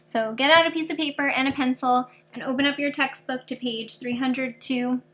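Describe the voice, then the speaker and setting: A woman's voice: sits high, fairly even intonation, moderate pace, fairly bright tone. A woman teaching a fourth grade class in a recorded video lesson, patiently explaining grammar rules step by step with examples.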